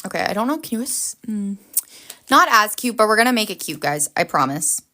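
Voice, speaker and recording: A woman's voice: mid-range voice, big pitch swings, brisk, bright, forceful tone. A woman hosting a casual planner livestream, chatty and upbeat, reacting to viewers' comments while she decorates.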